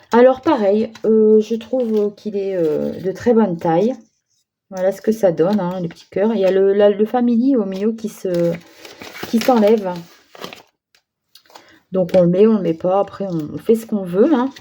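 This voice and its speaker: Woman vlogger, mellow tone, chatty and halting, craft demo. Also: mid-range voice. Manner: chatty, hesitant, many fillers and restarts. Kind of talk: casual craft demonstration.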